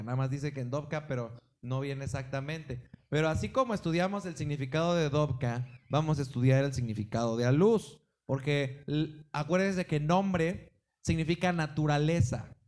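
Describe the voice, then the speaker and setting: A pastor delivers a Sunday sermon during a church service, his voice pitched fairly high with a somewhat dark tone. He preaches emphatically, his volume rising and falling as he repeatedly calls out to the congregation.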